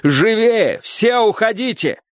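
A determined young female spirit shouts urgent warnings, as a man narrating puts her on. The voice lifts well above the reader's own. Dry, close audiobook sound. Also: high-pitched, lively intonation, slow, dry recording, voice pushed up.

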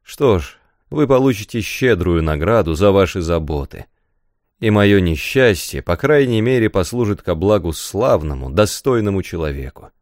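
A man reading aloud voices a tormented, volatile young man who breaks into strained shouting. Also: low-pitched, lively intonation, normal speed, no room sound, studio quality. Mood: gentle. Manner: outbursts of raised, strained shouting.

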